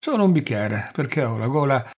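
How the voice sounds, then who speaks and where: A fawning middle-aged husband who pleads and humbles himself at every turn, voiced by a male audiobook reader. His voice is husky and a little breathy, with a plaintive, servile tone. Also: medium pitch, big pitch swings, brisk. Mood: obsequious. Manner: plaintive and obsequious. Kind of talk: audiobook character reading.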